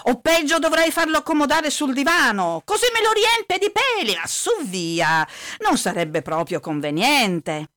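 A woman's voice: high voice, sing-song, normal speed, a bit bright, no room sound, studio quality. A woman voicing a fussy, doting old grandmother in a comic radio play, scolding and coddling. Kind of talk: comic radio-drama acting.

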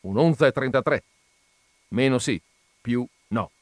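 A man voicing a sly, stubborn tinker who talks in a slow, placid drawl. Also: mid-range voice, no room sound, natural voice.

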